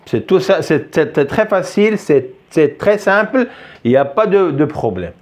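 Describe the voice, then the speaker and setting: A man's voice: fairly high pitch, big pitch swings, normal speed, darkish tone. A man teaching French in a classroom, patiently repeating words and asking often if the students follow. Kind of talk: classroom lesson. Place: classroom with a board.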